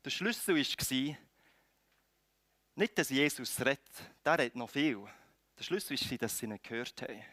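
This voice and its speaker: A man's voice: medium pitch, lively intonation, moderate pace, long pauses, fairly bright tone, no echo. A man preaching a sermon in a conversational way, acting out scenes with frequent restarts. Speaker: pastor.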